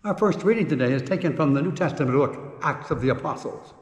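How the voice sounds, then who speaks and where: Solemn priest in an echoey church. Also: male voice, a little high, expressive. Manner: slow, measured, solemn delivery. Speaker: priest celebrating Mass. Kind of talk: liturgical prayer and scripture reading. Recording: echoey church, reverberant and roomy.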